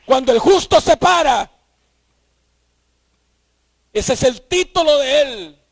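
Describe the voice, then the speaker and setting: A man preaching a sermon, emphatic, rising to shouts and repeating his key points. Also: very high-pitched, lively intonation, slow, dry recording.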